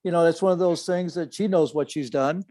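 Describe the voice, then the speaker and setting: Older man, hesitant halting speech, slightly raised pitch, dry close sound. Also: mellow, no echo. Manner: halting, many fillers and restarts. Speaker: podcast co-host, the other host's father. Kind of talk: casual chat.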